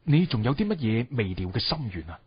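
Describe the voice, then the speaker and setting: A man voicing a sorrowful, guilt-ridden male scholar-official in a dramatic told story, husky and sighing. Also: medium pitch, sing-song, quick pace. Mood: sorrowful, guilty. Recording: dull, roomy recording with music.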